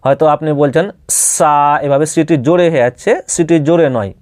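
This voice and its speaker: Bengali guy teaching quran letters, slightly high voice, repeats stuff, dry close mic. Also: rapid-fire, dark tone, no room sound. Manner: patient, repeats letters and asks the listener questions. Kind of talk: step-by-step spoken lesson.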